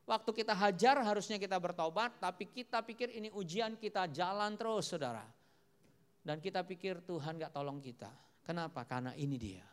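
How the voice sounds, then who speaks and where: A man preaching a sermon to a congregation, rising to loud emphatic peaks and dropping to soft low endings, often addressing listeners as brothers and sisters and acting out quoted speech. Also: brisk, clear, resonant tone. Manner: often addresses the audience as "saudara"; acts out God and Bible figures in quoted speech.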